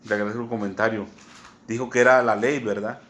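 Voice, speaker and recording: A man with a Mexican accent preaching a sermon, teaching slowly and often checking in with "¿verdad?". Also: lowish voice, steady tone, fairly bright tone. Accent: Mexican Spanish. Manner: unhurried teaching tone, many "¿verdad?" asides, spells words out.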